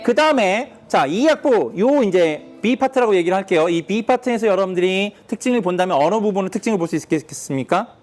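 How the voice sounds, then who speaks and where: A man with a high voice teaches a guitar lesson. He explains step by step and puts questions to his students. He counts the beats out loud while faint guitar plays behind him. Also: expressive, brisk, few pauses.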